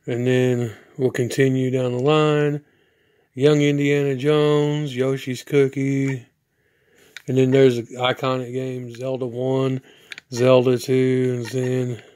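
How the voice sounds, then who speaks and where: A man with a hoarse, stuffy voice talks through a game cartridge in a rambling home video. His pitch stays mostly level and unvaried, sitting right at an ordinary middle height. The sound is close and dry, with little room echo. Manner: rambling, flat delivery with restarts. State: hoarse from sinuses. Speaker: product reviewer. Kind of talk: casual video review.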